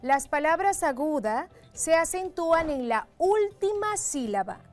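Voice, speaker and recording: Female teacher, Dominican accent, bright high register, slow careful delivery for a classroom broadcast. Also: animated, faint music behind. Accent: Dominican Spanish. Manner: careful, explanatory, stresses syllables for examples. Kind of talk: educational lesson.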